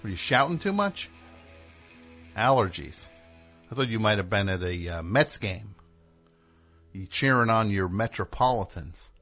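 A man hosting a live radio show, rambling in casual chat with sudden loud yelled bursts. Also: lowish voice, expressive, measured pace, long pauses, faint music behind.

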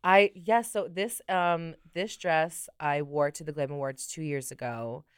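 A young drag performer chatting as a podcast guest, telling stories with lots of fillers and acted-out quotes, recorded on a studio mic. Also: female voice, deep voice, a little slow, smooth, no echo. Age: young adult. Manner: chatty storyteller, many fillers, acts out quotes. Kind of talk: casual podcast chat.

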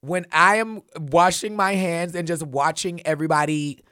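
A man's voice: a little high, fairly even intonation, moderate pace, crowd noise. A man co-hosting a podcast, telling stories dramatically in casual chat and reading out listener letters. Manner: dramatic, gossipy storytelling. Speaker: podcast co-host.

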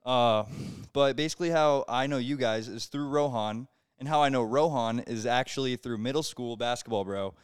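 A young man chats casually as a podcast guest. He rambles in slangy bro talk with a smooth, clean voice, recorded very dry. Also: mid-range voice, normal speed, few pauses, no echo. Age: young adult. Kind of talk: casual chat.

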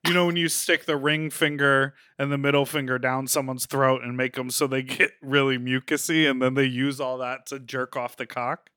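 A man's voice: medium pitch, flat delivery, normal speed, few pauses, bright, forceful tone, smooth, dry recording, clean studio sound. A man co-hosting a crude comedy podcast, playful and giggly while picking apart song lyrics over a video call. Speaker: podcast co-host. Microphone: video call mic.

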